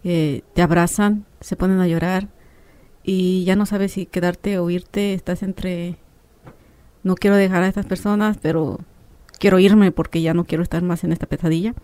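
A woman's voice: fairly low pitch, moderate pace, no echo. A woman who is a radio guest, telling a personal story and acting out the dialogue. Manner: animated storyteller, acts out dialogue.

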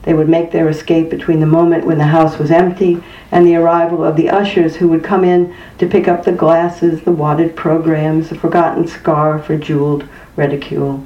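A narrator reading a story aloud in a measured, even way. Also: medium pitch. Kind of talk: scripted audiobook narration. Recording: distant, roomy, dull-sounding recording.

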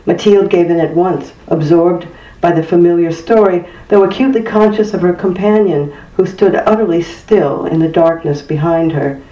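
A narrator reading a story aloud in a measured, even way. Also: mid-range voice. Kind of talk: scripted audiobook narration. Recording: distant, roomy, dull-sounding recording.

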